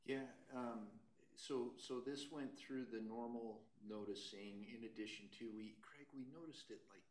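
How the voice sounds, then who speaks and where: A man answering questions off the cuff as staff at a public meeting, halting and repeating his words. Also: medium pitch, steady tone, a little hiss or hum, low-quality recording.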